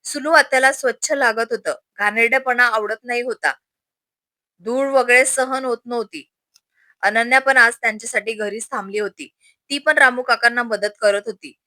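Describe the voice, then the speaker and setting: A woman storyteller narrating a scripted story in a steady, plain manner. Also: a little high, normal speed, no echo.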